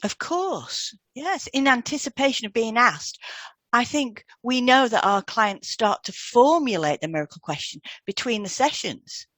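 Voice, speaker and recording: A woman co-hosts an educational podcast, reading scripted dialogue aloud and explaining things instructively; she is a hypnotherapy trainer. Her voice is on the high side, expressive and fairly bright, a little slow, with no room sound.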